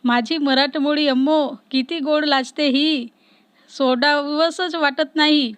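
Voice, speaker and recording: A doting young man who showers his beloved with sweet words, as a woman reads him out in a storybook tale. The voice stays high and close, with dry sound. He talks softly and fondly. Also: fairly even intonation, takes it slowly, no room sound.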